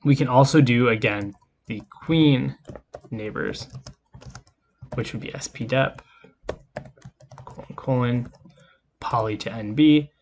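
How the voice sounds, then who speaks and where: A man giving a recorded lecture, explaining code in a relaxed, casual way as he works through it. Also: medium pitch, takes it slowly, pauses often, slight background noise. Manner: casual, explanatory, talks while typing code. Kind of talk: screen-recorded coding lecture.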